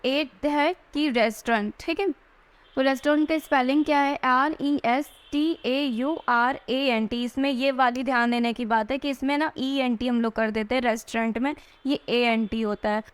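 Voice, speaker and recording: High-voiced woman teaching spelling. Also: steady tone, clear, resonant tone. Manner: spells words out letter by letter, slowly; frequent "theek hai" check-ins. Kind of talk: exam-prep spelling lesson.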